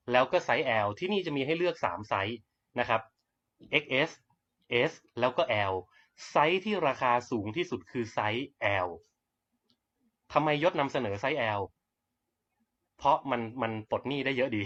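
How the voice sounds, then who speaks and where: A young man giving a blunt, brash network-marketing pitch on a livestream, swearing casually as he talks. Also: a bit bright. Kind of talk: live-streamed sales pitch. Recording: dull lo-fi livestream audio.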